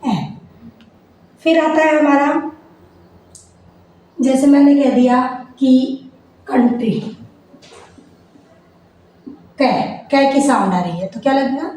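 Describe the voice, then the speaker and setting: A woman's voice: sits high, slow pace, long pauses, a little mellow. A woman teacher giving a grammar lesson, asking the class questions and answering them herself. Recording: very echoey room, faint noise.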